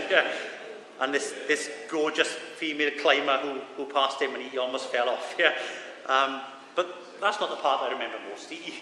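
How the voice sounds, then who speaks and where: A man with a thick Swansea Welsh accent giving an informal, self-deprecating sermon as a lay preacher. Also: medium pitch. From Swansea, Wales. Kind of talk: informal sermon with Bible reading. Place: large reverberant church room. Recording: echoey hall, reverberant, with background noise.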